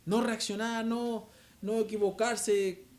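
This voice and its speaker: Young male preacher, Chilean accent, high voice, earnest and chatty sermon delivery; roomy church echo. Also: little pitch movement, slow pace, darkish tone. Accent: Chilean Spanish. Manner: earnest, conversational, frequent "¿cierto?" tag questions. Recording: echoey church room, faint hiss.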